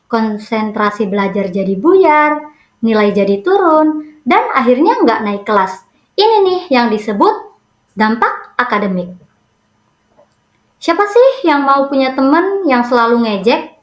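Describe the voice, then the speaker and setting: A woman's voice: on the high side, echoey room. A woman hosting a podcast, telling a listener's story in a chatty way and talking straight to her audience with rhetorical questions. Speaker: podcast host. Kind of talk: casual scripted podcast narration.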